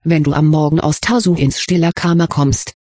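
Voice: medium pitch, steady tone, normal speed, darkish tone, breathy edge, dry recording, clean studio sound, close to an everyday voice. A reader voicing a cheeky, teasing teenage boy with a cheerful manner in an audiobook. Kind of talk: audiobook reading.

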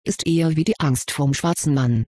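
A reader voicing a quiet, serious young wizard boy who hides his fear, in an audiobook. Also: mid-range voice, moderate pace, dry recording, natural voice. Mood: subdued. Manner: subdued, hiding his fear. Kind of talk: audiobook reading.

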